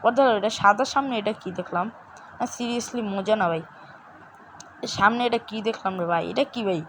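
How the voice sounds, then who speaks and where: A young woman, hoarse, giving excitable gameplay commentary for her gaming channel. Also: medium pitch, moderate pace, a little hiss or hum. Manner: excitable, exclaiming at each find.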